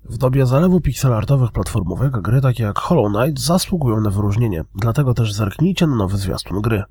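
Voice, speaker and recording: A slightly hoarse man from Poland hosting a daily gaming news podcast in scripted narration. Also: medium pitch.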